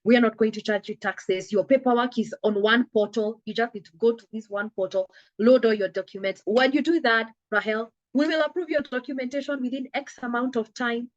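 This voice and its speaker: A telehealth company founder speaks earnestly in a conversational interview, her fairly high voice a bit scratchy from an oncoming cold. She talks fairly quickly and emphatically, acting out little dialogues, on a muffled recording with no room sound.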